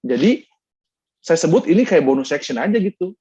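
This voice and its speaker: A young man with a Sundanese-tinged accent chats through a slide talk, full of fillers and little acted-out quotes. His voice sits a touch high and sounds husky. The audio is dull and lo-fi, like an online talk recording. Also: very animated, normal speed, dark tone. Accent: Sundanese-tinged Indonesian. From Bandung, West Java. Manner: chatty, addresses the audience as friends, many fillers, acts out quoted dialogue. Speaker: guest speaker. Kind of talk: casual talk-show presentation with slides.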